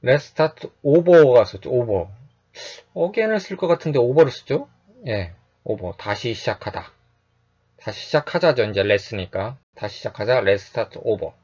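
A man teaching English phrases in a calm, explanatory lecture, repeating each phrase slowly and often adding a short "yes". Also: medium pitch, husky, highs cut off.

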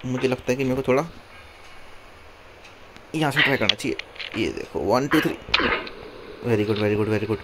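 A man with a hoarse, strained throat talks through a game in loose, casual commentary, coaxing and scolding the character on screen. His voice sits at an ordinary middle pitch. The home recording is noisy, with mouse clicks underneath. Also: moderate pace, long pauses. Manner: talks to his game character, exasperated and pleading, often counting one two three. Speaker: gameplay streamer.

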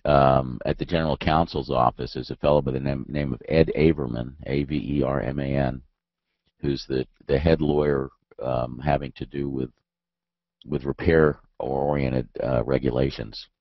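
Very deep raspy man with a cold. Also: fairly even intonation, moderate pace, dry recording, lo-fi sound. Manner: hesitant, many restarts and ums. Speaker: webinar presenter, aircraft maintenance expert. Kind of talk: webinar answer, explaining.

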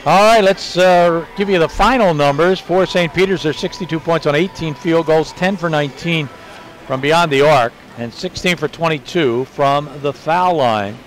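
Man reading off postgame basketball numbers. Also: on the high side. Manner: brisk stat-reading delivery. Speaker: play-by-play broadcaster. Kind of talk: postgame sports broadcast. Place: basketball arena broadcast booth.

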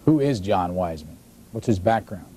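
Studio host: man, lowish dark voice, measured questions. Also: expressive, husky. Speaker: interviewer, host. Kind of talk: televised studio interview.

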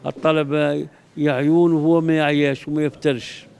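A man's voice: a little high, little pitch movement, a little fast, gravelly, darkish tone, smooth. An older man with an Algerian accent giving a spoken tribute as a religious scholar in an interview, repeating phrases for emphasis. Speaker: religious scholar paying tribute to his late teacher. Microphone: handheld TV microphone close in front.

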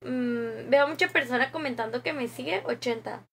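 A woman's voice: high voice, normal speed, vocal fry, a bit bright, slight background noise. A young Mexican woman streaming live, chatting casually with viewers and reading their comments aloud, with frequent laughs. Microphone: desk microphone.

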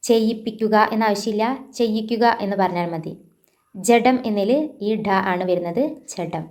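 A woman's voice: mid-range voice, mellow. Malayali woman teaching word corrections. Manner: repeats words slowly for correction; casual asides to viewers. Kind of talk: exam-prep language lesson.

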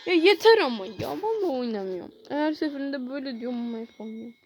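A woman's voice: sits high, expressive, fast talker, a little mellow, a little hiss or hum, rough recording. A young woman commentating her gameplay, frustrated, swearing and pleading with the game to give her what she wants. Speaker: gamer.

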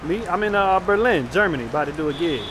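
A man's voice: sits high, expressive, fast, fairly bright tone, a little hiss or hum. A man heard over a phone on speaker, a touring musician talking casually and offhand. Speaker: musician on tour.

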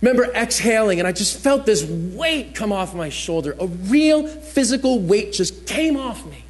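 A man with a fairly high voice preaches a sermon as a chatty personal story. He is from New Jersey and slips into the voices of the people he quotes. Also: big pitch swings, moderate pace.

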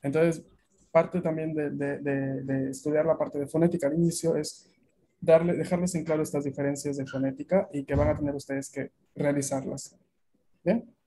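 A man's voice: a little high, flat delivery, normal speed, mellow. A Latin American man teaching a beginner language class over a video call, explaining at length and often checking that students follow.

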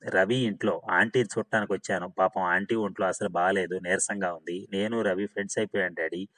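Audiobook: a man voicing a chatty, eager young woman, bubbly and quick to gush, in a low voice read with light lift. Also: steady tone, a bit bright. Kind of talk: audiobook dialogue reading.

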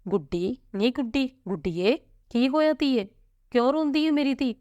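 A practical, fussing village mother, as a woman narrator puts her on. She reels off motherly instructions in a slightly low voice. The sound is dry and close, like a storybook read at the mic. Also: steady tone, normal speed, a little mellow, dry recording, lo-fi sound, lightly acted. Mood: worried calling.

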